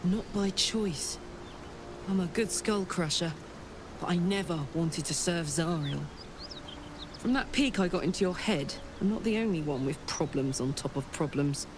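An actress voices a female tiefling soldier in video game dialogue, playing her brash, hot-tempered, blunt and cocky, with a confiding edge. Her natural, lowish voice is a little slow, and there's noise in the background.

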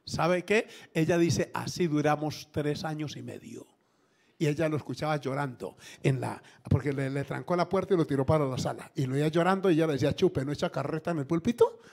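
Man, pastor, sermon, gravelly voice, slightly high pitch, acts out quoted voices. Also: a little fast. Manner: lively, acts out quoted voices, jokes with congregation. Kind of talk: sermon with storytelling. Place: church.

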